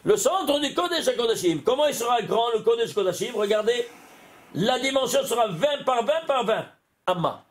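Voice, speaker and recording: A man, a rabbi, giving an animated Torah lesson, often exclaiming and putting questions to his listeners. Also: very high voice, normal speed.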